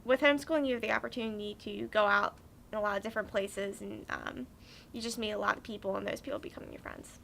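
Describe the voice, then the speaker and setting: A woman's voice: mid-range voice, steady tone, fast, vocal fry, fairly bright tone, a little hiss or hum, rough recording. An eighteen-year-old woman, a graduating homeschool student, giving candid, giggly interview answers.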